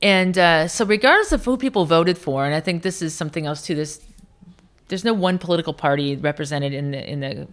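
This low, brisk female voice belongs to a senior military officer from Iowa in her late fifties. She shares frank stories during a relaxed interview, frequently breaking off and starting her sentences over.

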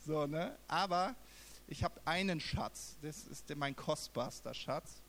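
A young man preaching a sermon, telling a personal story in an animated way and acting out what others said with big swings in loudness. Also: a little high, measured pace, a little hiss or hum. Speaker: pastor.

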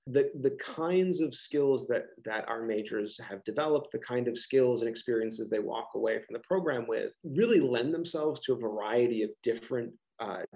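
A middle-aged man with a Philadelphia accent, a college professor, answers interview questions casually over a video call, with many restarts and fillers. His voice is medium-pitched and darkish, with vocal fry.

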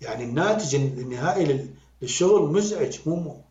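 Fast, animated Iraqi man in echoey room. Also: fairly high pitch. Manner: animated, emphatic, repeats words for stress. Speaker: music critic and guest. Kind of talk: conversational critique. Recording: roomy, dull lo-fi sound.

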